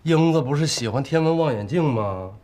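A man's voice: fairly high pitch, lively intonation, fairly quick, a little mellow, natural voice. An actor playing a persistent father in his forties who coaxes his way in to see his daughter. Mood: pleading. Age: 40s. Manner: coaxing, pleading. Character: easygoing middle-aged dad, persistent. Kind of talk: TV drama acting.

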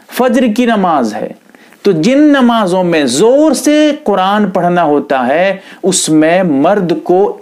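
A man's voice: high voice, a little mellow. A man, an Islamic scholar, giving a religious instruction lesson, repeating key points emphatically. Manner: repetitive, emphatic explaining.

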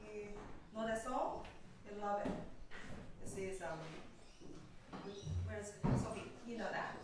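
Woman teacher chatting between concert pieces, slow, lots of um, echoey room far from the mic. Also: medium pitch. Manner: chatty, hesitant, with many fillers. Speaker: piano teacher hosting a student concert. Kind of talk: casual spoken introductions between pieces. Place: music school concert room. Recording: echoey room, distant mic, loud noise.

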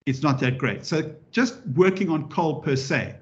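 Animated male professor, dull lo-fi recording. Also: a little high, unhurried. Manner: lively and animated, with frequent restarts and wry asides. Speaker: professor giving a public lecture. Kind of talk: interactive lecture.

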